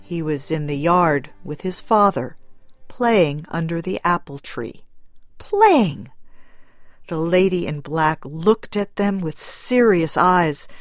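Low-pitched slow woman narrating, dry close sound, faint music behind. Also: dry recording. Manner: calm, measured. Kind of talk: scripted story narration.

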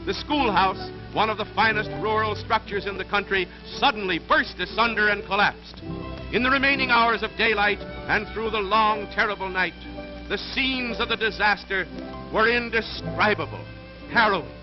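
A man's voice: high voice, normal speed. A man announcing on an old newsreel, with a grave, declamatory 1930s delivery. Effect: old newsreel soundtrack. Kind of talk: dramatic 1930s newsreel narration. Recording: dull lo-fi old film sound with music. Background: loud music.

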